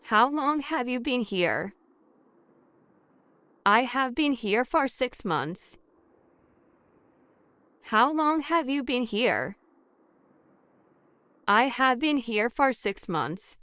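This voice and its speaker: A woman's voice: a little high, very animated, drawn-out words, long pauses, pushed and bright, no echo. A woman reading a scripted English practice dialogue, carefully enunciating each question and answer and repeating every exchange twice. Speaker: language teacher.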